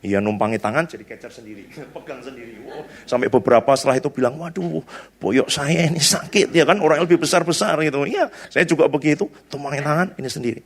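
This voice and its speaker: Gravelly-voiced man preaching casually. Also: mid-range voice, fast talker, hardly any pauses. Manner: chatty, storytelling, tag questions. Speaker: pastor. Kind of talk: conversational sermon.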